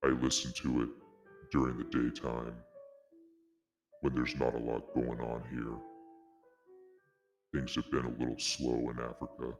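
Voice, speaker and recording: A man playing a secretive, anonymous male vegan lion as a podcast guest, his voice run through a voice changer that pitches it very deep. He speaks slowly and solemnly, with halting pauses. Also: monotone, faint music behind. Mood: polite. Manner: slow, halting, solemn delivery.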